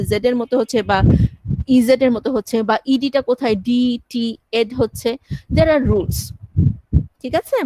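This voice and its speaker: High-voiced woman teaching class. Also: darkish tone, dry recording, rough recording. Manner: explains step by step, often checks understanding. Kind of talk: classroom lecture.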